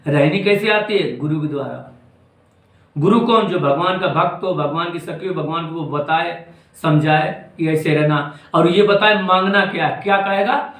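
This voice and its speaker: A man's voice: a little high, a little slow, fairly bright tone, echoey room, rough recording. A man with a Braj Hindi accent giving a devotional discourse as a spiritual teacher, scolding and repeating his points with emphasis.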